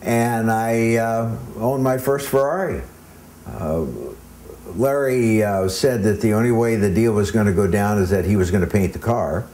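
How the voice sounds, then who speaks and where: A man's voice: lowish voice, normal speed, darkish tone. A man being interviewed, telling long rambling anecdotes in a casual way with plenty of hesitations. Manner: rambling anecdotes with many ums. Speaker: interview guest. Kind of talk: casual storytelling.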